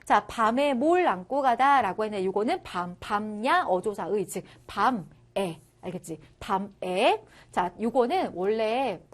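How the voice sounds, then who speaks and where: A woman's voice: medium pitch, lively intonation, a little slow, hardly any pauses. A woman teaching an online middle school Korean lesson, explaining step by step and often checking that the students follow.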